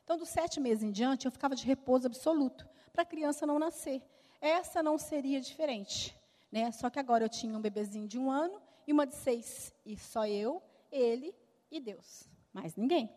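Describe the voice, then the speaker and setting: Brazilian lady telling her testimony in church, pretty high voice, acts out the back-and-forth, lots of hall reverb. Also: moderate pace. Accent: Brazilian Portuguese. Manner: lively storytelling, acting out remembered dialogue. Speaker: speaker giving a testimony. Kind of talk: personal testimony to an audience. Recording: long reverb of a large hall.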